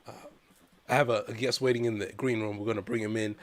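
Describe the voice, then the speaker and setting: A man hosting a talk show, speaking in a heartfelt, halting way with many repeated words. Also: lowish voice, steady tone. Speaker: host. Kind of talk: casual chat.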